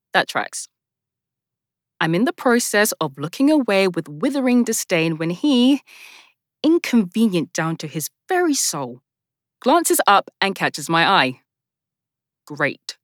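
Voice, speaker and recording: A woman reads a first-person novel aloud with a wry, sardonic edge. Her voice sits low but swings widely in pitch, and the recording is dry and close. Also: no room sound. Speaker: audiobook narrator.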